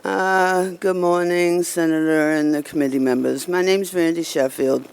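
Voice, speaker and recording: Halting, slightly slurred man, higher-pitched and gravelly. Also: fairly even intonation. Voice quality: slightly slurred, tongue-tied speech from a numb side of the mouth. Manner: halting, conversational, earnest. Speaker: cancer survivor giving public testimony. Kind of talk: informal spoken testimony to a committee.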